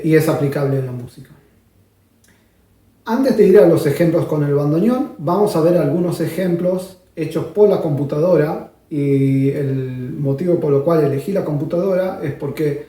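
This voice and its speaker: A man teaches bandoneon in an unhurried lesson. He pauses often and demonstrates sounds aloud. His voice is dark and mellow, and it is recorded from a distance in a very echoey room. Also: fairly high pitch. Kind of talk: instructional video lesson. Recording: roomy, distant mic.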